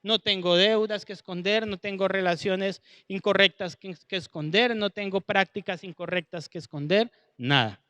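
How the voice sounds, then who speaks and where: High-voiced preacher. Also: male voice, moderate pace, few pauses, sharp tone, no echo. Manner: conversational, acts out dialogue. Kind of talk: Bible teaching.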